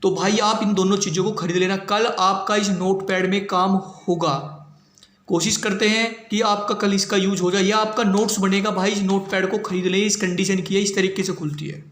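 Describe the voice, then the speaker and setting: A man's voice: sits high, steady tone, moderate pace, fairly bright tone. A man teaching a shorthand class in a casual, patient way, repeating each step and often checking that his students follow. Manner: repeats points, keeps asking if it is clear. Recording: echoey room with faint ambient noise.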